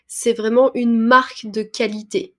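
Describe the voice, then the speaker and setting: A woman's voice: fairly high pitch, flat delivery, sharp tone. A woman teaching a French lesson, patiently explaining words and expressions step by step, with small hesitations as she goes. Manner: patient, breaks words down slowly with fillers.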